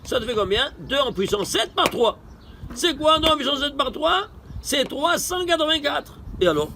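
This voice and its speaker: In a Torah study lesson, a male teacher with a strikingly high voice poses rhetorical questions and answers them himself. He alternates between emphatic bursts and quiet asides at a normal speed, his pitch swinging widely, while faint vehicle noise hums behind him.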